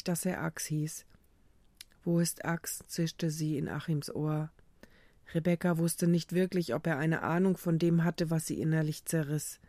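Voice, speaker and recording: A narrator reading a dramatic story aloud in a steady, even way. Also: medium pitch, no room sound. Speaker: audiobook narrator. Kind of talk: scripted narration.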